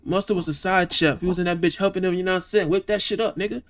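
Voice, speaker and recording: Young man, Southern accent, casual reaction talk, profane, slightly high voice. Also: fairly even intonation, very fast. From Georgia, US. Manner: loose, profane, laughs often. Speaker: reaction video host.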